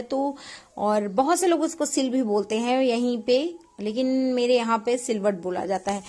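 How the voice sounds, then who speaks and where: A woman's voice: on the high side, darkish tone. A woman with an Uttar Pradesh Hindi accent, casually explaining each step of her cooking at a clay stove in a village kitchen. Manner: chatty step-by-step explaining to viewers. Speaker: vlogger. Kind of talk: casual cooking vlog narration.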